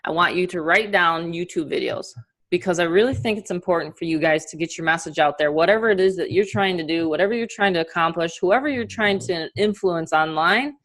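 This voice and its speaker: Energetic New York woman, lower voice. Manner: energetic, chatty, motivational. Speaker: online marketing coach. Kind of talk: casual webinar presentation.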